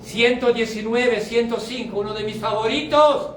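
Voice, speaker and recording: A male pastor giving an emphatic sermon. He swings from loud, drawn-out declarations down to low, quiet asides. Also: slight background noise. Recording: echoey hall, mic at a distance.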